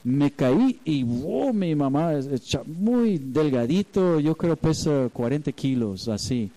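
Male pastor, sermon, slow delivery, mellow dark tone, storytelling. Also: fairly high pitch, expressive, low-quality recording. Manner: storytelling, acts out quoted voices.

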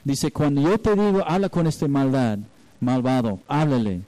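On poor audio, a man whose dark voice sits on the high side delivers a sermon as a pastor. Storytelling from his own life, he performs the quoted voices.

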